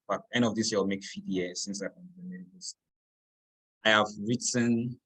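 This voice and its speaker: A man's voice: fairly low pitch, a bit bright. A man, moderating a webinar over a video call in an easygoing way. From Cameroon. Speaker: webinar host.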